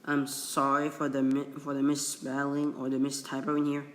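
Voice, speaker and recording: A young Indonesian man, a video creator who speaks English, casually explains what he reads off a wiki in a screen-recorded video, halting, restarting and apologizing a lot. His voice sits in the mid range, fairly bright, with a completely flat delivery.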